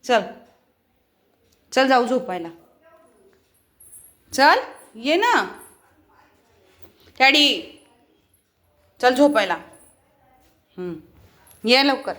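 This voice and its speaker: Woman coaxing her dog in a slow, high voice. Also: very animated, fairly bright tone. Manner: coaxing, affectionate baby-talk to a dog. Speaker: vlogger. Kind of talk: casual pet vlog, talking to her dog.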